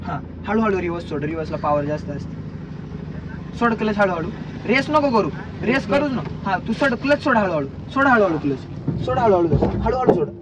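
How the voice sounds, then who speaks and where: A man's voice: high voice, big pitch swings, normal speed. A man from Maharashtra coaching a driver from the passenger seat, repeating short, bossy commands over and over. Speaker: driving instructor. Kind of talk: casual in-car coaching. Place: inside a car on the road. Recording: muffled, with loud road noise.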